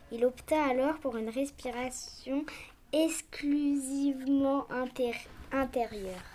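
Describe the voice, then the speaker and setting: A woman narrating a scripted children's story aloud, in short halting phrases. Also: high-pitched. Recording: clearly noisy recording with clicks.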